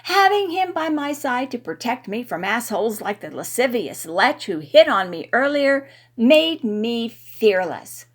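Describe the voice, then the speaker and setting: A woman narrating a first-person story in an expressive, playful way. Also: a little high, a little slow, hardly any pauses.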